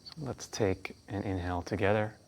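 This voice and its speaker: A man with a low, gravelly voice guides a breathing meditation. He speaks slowly and in a hushed, calm manner, leaving long pauses between phrases. Faint insect ambience sits behind him. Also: slight background noise. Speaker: breathwork instructor.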